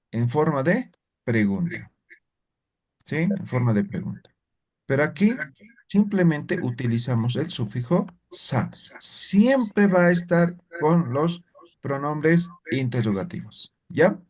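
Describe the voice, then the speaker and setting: A man teaching a live language class, his voice sitting a little high. He explains patiently, one step at a time, and keeps checking that the students follow with short questions. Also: sing-song, takes it slowly. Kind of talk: classroom lesson.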